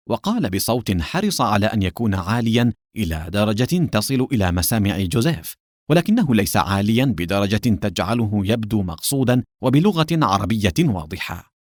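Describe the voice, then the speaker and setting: Guy reading an audiobook, lowish voice, very lively intonation, dry close sound. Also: no echo. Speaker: audiobook narrator. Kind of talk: scripted audiobook narration.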